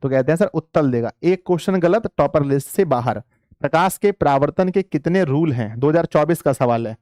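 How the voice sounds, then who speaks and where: A man's voice: a little high, animated, fairly quick, a little mellow, no echo, studio quality. A man teaching a live online class, coaxing his pupils like dear children and repeating phrases for emphasis.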